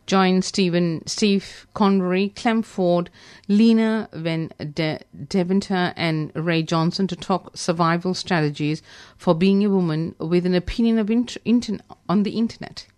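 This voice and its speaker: A woman presenting live on AM community radio, reading announcements in a halting, stumbling way. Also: on the low side, fairly even intonation, a little mellow, smooth. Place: radio studio.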